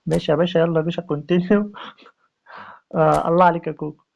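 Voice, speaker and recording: A man with an Egyptian Arabic accent giving excited, repetitive gameplay commentary on a mobile football game. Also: fairly high pitch, vocal fry, lo-fi sound. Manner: rapid, repetitive, hyped street slang.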